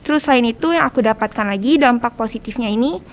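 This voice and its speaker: Talking very fast in Indonesian with a Jakarta accent, a teenage girl lays out her points in a conversational way, much like a student guest on a podcast. Her voice is fairly high.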